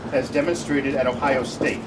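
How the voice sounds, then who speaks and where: At a birthday celebration, a man reads a humorous tribute speech, adding wry, joking asides. He speaks at a moderate pace in a medium pitch with fairly even intonation. The mic is distant and room noise is loud.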